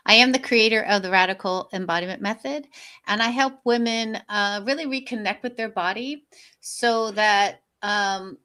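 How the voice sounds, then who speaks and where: A woman's voice: mid-range voice, pushed and bright. A woman speaking as a guest coach in a conversational, motivational style. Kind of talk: conversational motivational panel talk.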